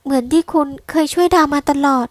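A woman voicing a spoiled young wife who speaks in a shrill, high-strung, desperate way. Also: brisk, no room sound, close to an everyday voice. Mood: pleading.

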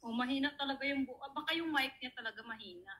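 Bright high-voiced woman livestream host. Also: fast talker. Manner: playful, teasing, laughs through her lines. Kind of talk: casual livestream chat with guests.

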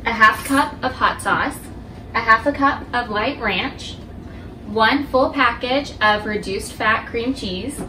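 A young woman giving a step-by-step cooking demonstration in her home kitchen, explaining each step clearly to the viewer. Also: fairly high pitch, slow, bright, forceful tone, far from the mic. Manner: clear, instructive, addresses viewer directly. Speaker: cooking instructor. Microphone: camera across the kitchen. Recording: echoey kitchen, voice from off-mic, household noise.

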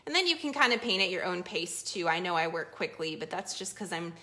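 A woman hosting a live painting lesson, chatting casually while she works on the canvas. Her voice is bright and clear, with an easygoing, loose way of explaining. She talks her viewers through each step as she goes. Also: on the low side, sing-song, fairly quick.

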